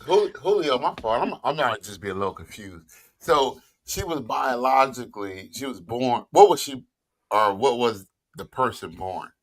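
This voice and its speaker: A man's voice: mid-range voice, lively intonation, moderate pace. A man, a military veteran, talking casually on a panel and often filling his speech with "you know what I mean.". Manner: conversational, hedging with frequent fillers.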